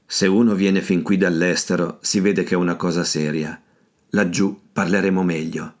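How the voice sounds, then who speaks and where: Man voicing a gruff old man, growling, blunt, deep low voice, audiobook. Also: steady tone, normal speed, natural voice. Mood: bitter. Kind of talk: audiobook character reading.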